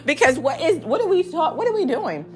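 A woman telling a wild story in a casual vlog, animated and profane, laughing as she goes. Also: high-pitched, fairly quick, soft background music.

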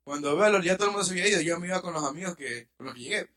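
Young man, slightly high voice, rambling with fillers. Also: expressive, rapid-fire, crowd noise. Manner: rambling, hesitant, with fillers and repeats. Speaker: podcast co-host. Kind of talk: casual storytelling among friends.

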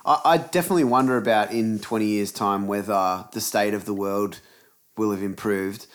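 A man in casual conversation, relaxed, swearing and asking questions back. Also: on the low side, moderate pace. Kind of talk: casual chat.

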